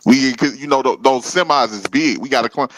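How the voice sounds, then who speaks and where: A man casually telling stories about his trucking work, animated and getting loud when he acts out confrontations. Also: mid-range voice, fairly quick, slight background noise, rough recording. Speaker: podcast co-host. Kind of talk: casual storytelling.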